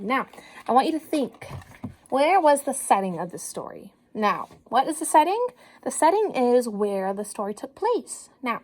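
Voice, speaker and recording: A woman of medium pitch reads a story for children, teacher-like, brimming with enthusiasm and encouragement. She halts every so often to quiz the young audience directly.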